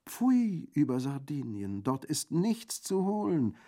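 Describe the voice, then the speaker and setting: A man's voice: a little high, sing-song, slow, mellow, pitched above the performer's own voice. A man voicing a scholarly former theologian turned bandit in a radio reading, florid and ironic. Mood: wry.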